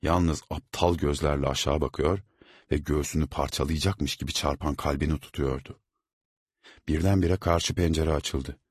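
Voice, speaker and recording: A man narrating an audiobook in a measured, steady reading. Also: extremely low pitch, breathy edge, no room sound, studio quality. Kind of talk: scripted narration.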